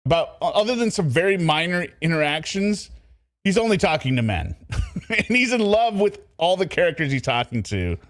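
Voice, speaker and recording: A man's voice: on the high side, very animated, normal speed, a bit bright, no echo. A man hosting a casual commentary show, talking with sarcastic, scornful asides. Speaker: commentary channel host.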